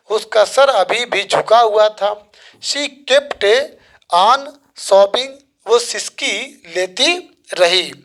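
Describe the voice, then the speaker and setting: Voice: medium pitch, a bit bright. Patient lesson voice-over, reads English text at a crawl, explains in Hindi. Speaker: teacher.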